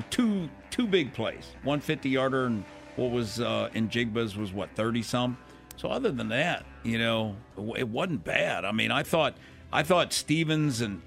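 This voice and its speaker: A man's voice: medium pitch, creaky, a bit bright. A man co-hosting sports radio, giving casual football analysis.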